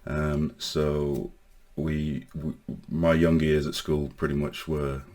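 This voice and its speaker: His tone is flat and even, his voice very deep and low. The speaker, a forties-aged online safety vlogger from Northern Ireland whose accent is now largely English with Northern Irish hints, recounts something personal to camera, hesitating and restarting phrases a lot.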